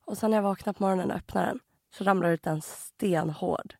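A woman co-hosting a podcast in casual chat, an animated storyteller who acts out other people loudly. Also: medium pitch, vocal fry, dry recording, studio quality. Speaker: podcast co-host.

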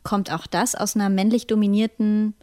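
A woman co-hosting a casual podcast chat, stressing many words in a lively, melodic way. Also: medium pitch, moderate pace. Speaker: podcast co-host.

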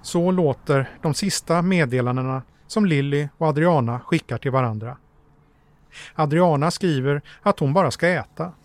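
Man narrating in a higher voice. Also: no echo. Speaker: documentary narrator. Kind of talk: scripted narration.

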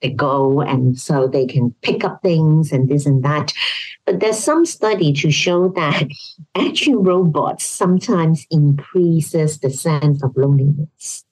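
This Hong Kong woman's voice is deep, husky, and darkish, delivered a little slowly on a low-quality recording. An expert guest who is a health policy professor, she explains her opinions emphatically in interview answers, often using rhetorical questions.

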